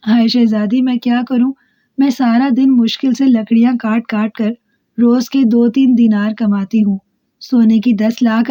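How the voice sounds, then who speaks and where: A woman's voice: a little high, no room sound, close to an everyday voice. A woman doing a phlegmy wailing old crone. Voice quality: phlegmy, quavering. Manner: wheedling, sobbing pleas. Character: trickster man disguised as a wailing old woman. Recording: dull, dry close recording.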